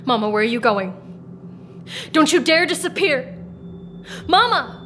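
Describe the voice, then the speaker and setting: An actress playing a proud grown daughter who runs a poisoning business, impassioned and defiant. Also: female voice, high-pitched, lively intonation, sharp tone, soft background music. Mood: pleading, indignant. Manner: impassioned, quickly swinging between pleading and defiance. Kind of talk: audio drama acting.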